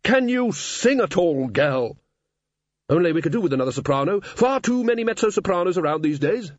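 A man's voice: high-pitched, very animated, no echo, pitched above the performer's own voice. Man putting on a bossy, hearty Valkyrie woman. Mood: brisk. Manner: jolly, brisk, commanding. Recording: dull lo-fi recording.

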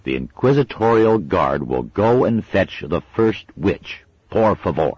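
A man's voice: low voice, big pitch swings, unhurried, husky, dry recording, highs cut off, voice pushed up, exaggerated voice. A man voicing a commanding young boy who speaks firmly and magisterially, in a storybook reading. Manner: firm, magisterial. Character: commanding young boy, gang leader, pompous.

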